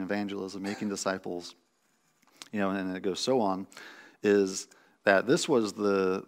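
A pastor in his thirties, his voice on the low side, teaches a sermon conversationally from the pulpit of a church sanctuary, restarting sentences and using fillers.

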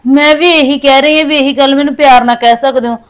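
A woman's voice: high-pitched, steady tone, fast talker, lightly acted. A young woman playing a hurt wife in a short film, talking in a plaintive, complaining way. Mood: aggrieved. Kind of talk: Punjabi short film acting.

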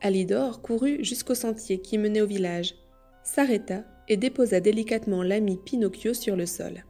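Mellow woman reading a children's story. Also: medium pitch, soft background music. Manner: measured storytelling. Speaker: audiobook reader. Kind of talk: scripted narration.

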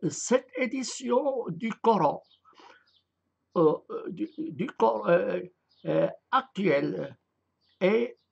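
A man's high, gravelly voice with a breathy edge comes through dull audio as he slowly lectures online about Arabic script. He wavers, relies on filler sounds, and sounds out the letters one by one.

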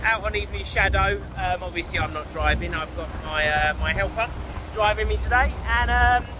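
A man's voice: high-pitched, moderate pace. A middle-aged man giving casual vlog commentary as he fishes from a boat outdoors. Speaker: angling vlogger. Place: outdoors on a small boat on open water. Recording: wind and boat noise outdoors.

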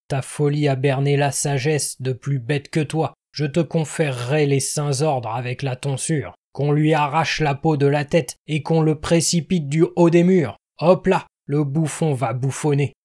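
A man's voice: fairly high pitch, fairly even intonation, a little slow, few pauses, a little mellow, natural voice. A man reading an audiobook, voicing a swaggering Norman knight with a mocking, jovial manner.

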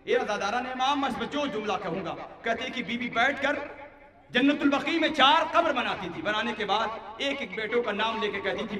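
A man reciting a mourning sermon at a religious gathering, impassioned and rising to wailing shouts. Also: sits high. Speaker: Shia cleric reciting a majlis. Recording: echoey hall, far from mic, crowd. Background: mourners' crowd.

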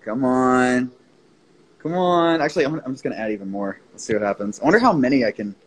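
Animated and talking a little fast, this medium-pitched man hosts a casual phone livestream, joking with viewers as they arrive and swearing a lot. There's a slight hiss or hum, and the recording is rough.

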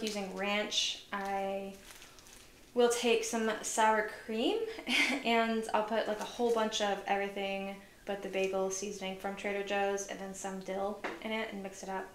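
A tired-sounding woman vlogger chats casually through her grocery haul, relaxed and full of fillers. Her voice is mid-range, and the recording is from an echoey, noisy room.

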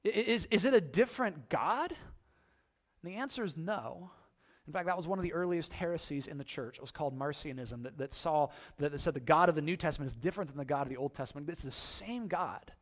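A man preaching a sermon to his church, telling the story in a lively way and acting out the quoted voices. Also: fairly high pitch, fast talker. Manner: animated storytelling, acts out quoted voices, rising excitement. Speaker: pastor.

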